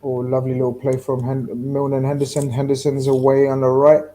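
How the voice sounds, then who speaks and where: A man hosts a football watchalong, commentating on the match live, chatting casually, and swearing as he reacts out loud to the play. His voice sits in the mid-range, his delivery is completely flat, and he talks fast. The audio quality is poor.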